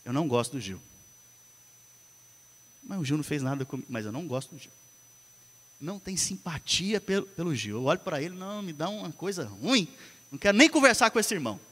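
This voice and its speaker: A male preacher voicing a resentful male church member who mutters low complaints, in a reverberant hall. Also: wildly swooping pitch, racing, few pauses, pushed and bright, heavily acted. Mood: sulky, muttering.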